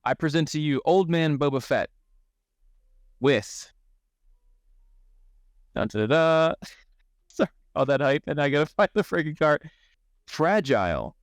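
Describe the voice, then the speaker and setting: A man's voice: a little high, very animated, measured pace, pauses often, no room sound, studio quality. An American man co-hosting a casual game chat, presenting fan card designs with hyped-up delivery.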